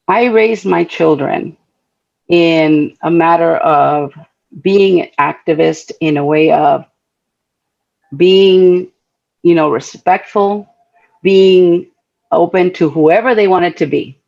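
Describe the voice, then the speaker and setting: A woman's voice: fairly low pitch, slow, creaky, long pauses, darkish tone, lo-fi sound. A middle-aged woman from Guatemala, speaking earnestly and conversationally as a panelist at a talk event, telling personal stories. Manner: earnest, heartfelt, conversational, with frequent fillers.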